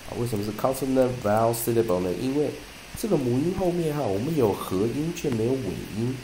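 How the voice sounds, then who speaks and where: A man teaching English pronunciation, reading dictionary entries slowly and deliberately, then explaining with many repeated terms and "ah" fillers. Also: mid-range voice, dark tone, reverberant, slight background noise, low-quality recording.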